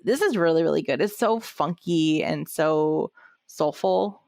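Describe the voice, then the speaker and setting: Her voice deep, gravelly and darkish, this podcast co-host speaks unhurriedly in a loose music-review chat, often restarting and filling pauses. The sound is dry and clean, studio-grade.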